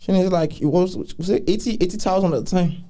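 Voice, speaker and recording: A man's voice: high voice, quick pace. Man telling a story laughing. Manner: animated, laughs often, repeats phrases. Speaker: podcast guest. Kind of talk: casual storytelling.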